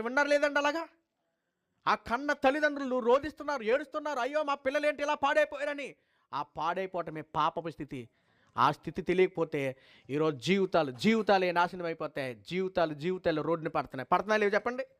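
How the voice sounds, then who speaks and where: A man preaching a sermon and leading a prayer. He fires rhetorical questions at the congregation, repeats words for emphasis, and swings fervently between high and low tones. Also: a bit bright.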